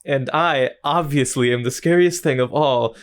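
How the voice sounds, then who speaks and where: A man's voice: medium pitch, normal speed. A man co-hosting a casual movie podcast, joking and laughing often between lines. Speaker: podcast co-host. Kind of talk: casual chat.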